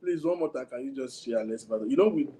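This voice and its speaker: Speaking fast in a mellow, mid-range voice over a slight hiss or hum, this Nigerian-accented man runs a laid-back livestream. He calls his own voice big, and he chats, rambles, code-switches, and addresses his viewers straight on.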